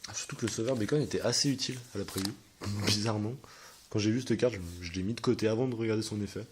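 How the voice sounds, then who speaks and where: A man's voice: on the low side, quick pace, slight background noise. A man talking casually to his viewers as he shows his card binder, hesitant and rambling with many fillers.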